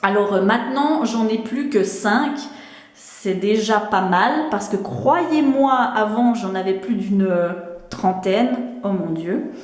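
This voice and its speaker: A woman's voice: mid-range voice, slow pace, darkish tone. A chatty woman with a Swiss French accent talks through her skincare products in a casual, rambling way. She stumbles and restarts often. The sound is roomy, with echo off the walls. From Switzerland. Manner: chatty, many fillers and restarts, laughs often. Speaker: beauty vlogger. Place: home bathroom. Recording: echoey room.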